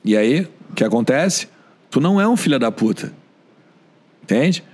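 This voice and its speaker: A husky-voiced man with a Gaúcho accent chats on a podcast as a sports journalist. He tells anecdotes casually and acts out the voices of the people he quotes, at an ordinary middle pitch. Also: very animated, normal speed. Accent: Gaúcho Brazilian Portuguese.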